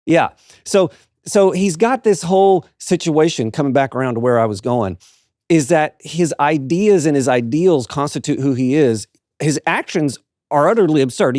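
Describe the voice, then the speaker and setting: A man's voice: medium pitch, a little mellow, no echo. Thoughtful male podcast host, dry sound. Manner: thoughtful, explaining, laughs often. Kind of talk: casual conversation.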